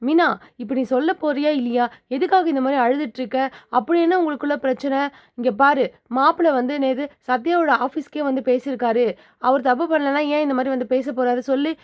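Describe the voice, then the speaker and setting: A woman's voice: high voice, fairly quick, darkish tone, lightly acted. A woman voicing a worried middle-aged mother who keeps pressing and scolding her daughter. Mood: pleading, scolding. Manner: insistent, scolding questions.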